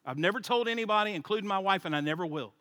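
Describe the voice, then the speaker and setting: Guy preaching, telling a funny story, high bright voice, dry close sound. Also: racing, no room sound. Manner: animated, joking, laughs at his own story. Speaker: guest speaker at a church. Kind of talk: humorous storytelling sermon.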